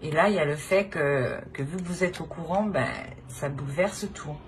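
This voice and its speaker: With a low voice at normal speed, a woman improvises a tarot reading directly to the listener, repeating herself and hesitating often. Clear background noise runs underneath.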